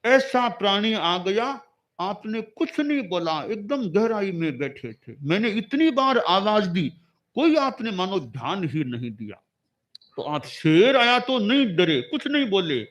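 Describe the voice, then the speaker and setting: A man's voice: high-pitched, big pitch swings, a little slow, fairly bright tone, full character voice. A man voicing a young male disciple who questions his teacher in an earnest, pleading way. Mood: puzzled.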